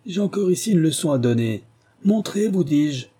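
A man reading the part of an arrogant, brutal man posing as a prince, loud and threatening. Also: a little high, lively intonation, moderate pace, husky, voice pushed up.

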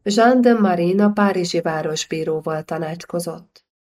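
A woman narrates a historical novel as an audiobook, reading in a steady, measured way. Her voice sits on the lower side for a woman.

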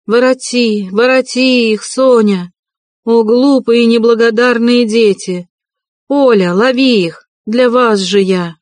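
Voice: fairly even intonation, takes it slowly, no echo, natural voice. A reader voicing a proud, frantic impoverished widow, raised and strained, in an audiobook reading. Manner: haughty then shrill and desperate.

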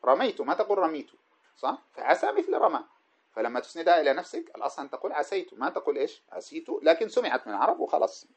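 A man's voice: a little high, huge pitch swings, very fast, breathy edge. A man teaching a classical Arabic grammar lesson. He reads a text aloud, comments on it and often asks his students rhetorical questions.

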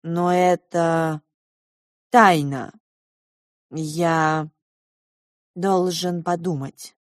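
A woman's voice: on the low side, steady tone, extremely slow, dry recording, studio quality. A woman reading a grave, brooding man.

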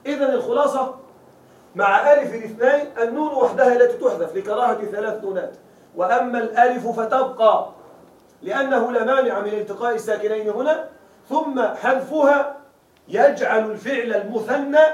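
A man's voice: very high voice, fairly quick. A man teaching Arabic grammar to a class, often checking that his students follow and repeating key words as questions for them to answer. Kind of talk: classroom lecture. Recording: roomy classroom audio from a distant mic.

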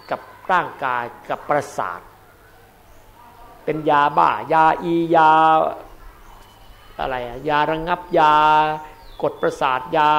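Monk guy preaching, pretty high voice, gets loud then soft, keeps hammering the same words. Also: creaky, slight background noise. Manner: emphatic, repeats key words, swings between loud and soft. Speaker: Buddhist monk. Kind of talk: dharma sermon.

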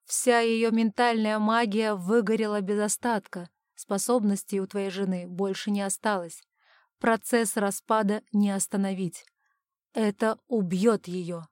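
A detached male mind-mage, read by a woman narrator, delivering grim news in a flat, measured tone. The audiobook sounds dry and close. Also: medium pitch, no room sound, lightly acted. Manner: dispassionate, measured.

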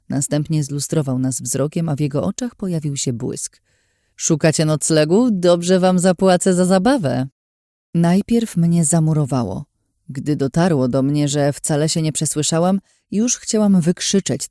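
A woman's voice: low voice, warm tone, dry recording, studio quality. A woman narrating a fantasy novel in the first person as an audiobook.

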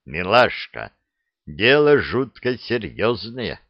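A cocky, flirty soldier, as a male narrator puts him on, swaggering and slangy with a lively up-and-down delivery. Dull, dry storybook sound. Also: lowish voice, takes it slowly, no echo, full character voice.

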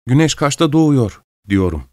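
A man's voice: medium pitch, big pitch swings, moderate pace, darkish tone, dry recording, clean studio sound, voice pushed up, natural voice. A man doing a polite young student. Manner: courteous, chatty.

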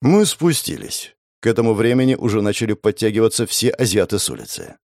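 Lively male audiobook narrator. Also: on the low side, a little fast, no echo, studio quality. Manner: dramatic, tense, voices the lines with emotion. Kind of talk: first-person audiobook narration.

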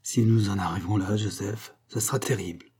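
A man's voice: steady tone, a little fast, mellow, slightly rough. A man voicing a grave, weary, honest male physician in an audiobook, speaking in a subdued, somber way. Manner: subdued, somber, low-key. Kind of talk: audiobook reading.

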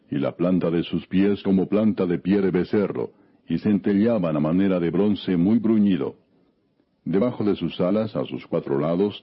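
A man with a deep, somewhat raspy voice narrates scripture. His reading is scripted, measured and solemn throughout. The recording sounds dull and lo-fi. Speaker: Bible narrator. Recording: dull, lo-fi audio.

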